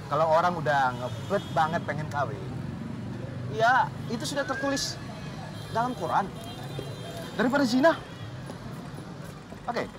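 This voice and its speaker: An actor playing a pushy, smarmy marriage official who hints at bribes, with sly chuckles. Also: male voice, sits high, lively intonation, unhurried, long pauses, background noise. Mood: wheedling. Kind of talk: film drama.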